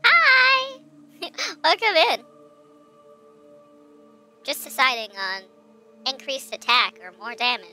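Streamer's bright female-sounding voice-changer voice. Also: sits high, wildly swooping pitch, slow, long pauses, faint music behind. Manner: chatty, thinks aloud and asks chat for input. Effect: voice changer disguising the real voice. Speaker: game streamer. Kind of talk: casual live gameplay commentary.

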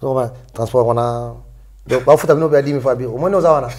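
A man in casual, animated chat, mixing French and Lingala. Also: mid-range voice, fast talker.

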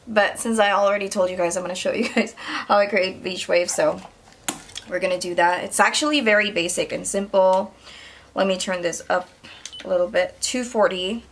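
A woman's voice: medium pitch, fairly even intonation, moderate pace, a little hiss or hum. A young woman vlogging a casual hair tutorial at home on a camera mic, chatty and calling her viewers "you guys". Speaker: beauty vlogger.

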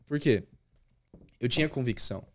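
A man's voice: medium pitch, normal speed. A man, a youth pastor telling a personal story as a podcast guest, earnest and repeating key words for emphasis.

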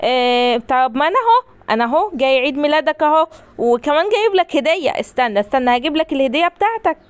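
A woman voicing a kind young monkey who talks in a quick, reassuring way with an Egyptian accent. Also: sits high, expressive. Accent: Egyptian Arabic.

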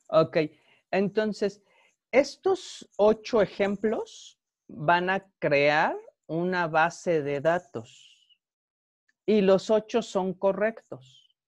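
Slow, patient lecturer. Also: male voice, a little high, no room sound. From Mexico. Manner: patient, explanatory, often checks understanding with "ok?". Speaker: university lecturer. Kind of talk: online class lecture.

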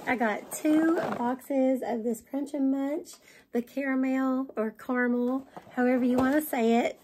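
High-voiced Southern woman gushing over a haul. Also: measured pace, slight background noise. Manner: gushing, excited, showing items to camera. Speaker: vlogger. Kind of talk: haul video chat. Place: home dining room, indoors.

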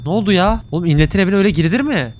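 A young man streaming a game, commenting casually to his chat, excitable and swearing often. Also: high voice, racing, background noise. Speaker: gaming streamer.

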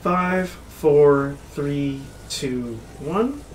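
Slow-talking, self-mocking male game streamer. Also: on the high side, slight background noise. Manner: self-mocking, swears, sudden excited exclamations. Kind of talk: casual let's-play commentary.

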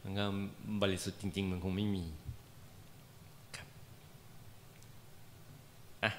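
A man's voice: low-pitched, level tone, takes it slowly. A man teaching a class about leading meditation, talking casually and joking, with many fillers. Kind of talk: informal lecture to a class. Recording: roomy hall reverb, faint background noise.

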